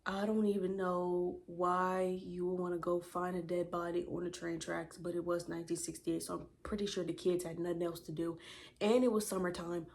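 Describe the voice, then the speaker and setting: A woman of twenty chatting to viewers about the books she read while doing her makeup, retelling plots with lively asides and rhetorical questions. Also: on the low side, normal speed. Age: 20s. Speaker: book vlogger.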